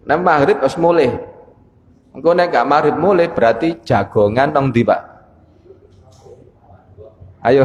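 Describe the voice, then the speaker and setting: A man with a Javanese accent preaching a sermon, talking with the congregation and teasing them with questions. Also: fairly high pitch. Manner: conversational, teasing the audience with questions. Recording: echoey hall.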